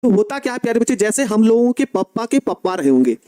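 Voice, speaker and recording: A man teaching an online chemistry class, fondly calling students dear children and slowly dictating notes with repeated phrases. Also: high-pitched, sing-song, warm tone, clean tone, no room sound.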